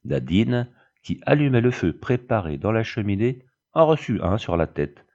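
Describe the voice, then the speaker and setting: A man narrating a storybook tale in a measured, even reading. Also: on the low side, gravelly, dull audio.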